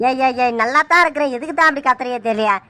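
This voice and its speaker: A woman voicing a tired middle-aged village husband in a cartoon, calming his shouting wife with exasperation. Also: high-pitched, racing. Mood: exasperated. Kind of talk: cartoon dub acting.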